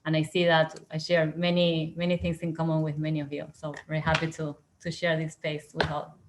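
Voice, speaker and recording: A woman from Argentina, a graduate student, introducing herself on a video call with many pauses. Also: deep voice, monotone, slight background noise. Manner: measured, many pauses and fillers.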